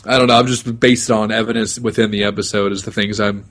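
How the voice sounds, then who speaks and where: A laid-back man with a fairly low voice co-hosting a podcast. He laughs along easily and answers with short, easy agreements. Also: level tone, fast talker, fairly bright tone. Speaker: podcast co-host. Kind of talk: casual podcast chat.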